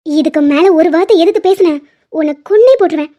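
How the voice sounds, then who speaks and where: Cartoon role: a woman playing a scolding, bossy mother, high voice, dark tone, lo-fi audio. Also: fast. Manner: harsh, scolding. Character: stern, domineering middle-aged mother. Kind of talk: cartoon drama dubbing. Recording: dull lo-fi audio.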